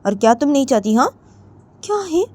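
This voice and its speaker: A woman voicing a stubborn middle-aged mother who flatly refuses her daughter's demands. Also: high voice, brisk, voice pushed up. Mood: stubborn defiant. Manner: defiant, repeating refusals.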